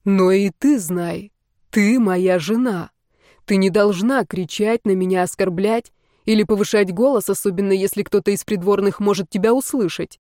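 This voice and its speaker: Woman doing a smug controlling young emperor, calm and slow, plain mid voice, dry close sound, audiobook. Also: mid-range voice, dry recording, lightly acted. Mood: cold assured.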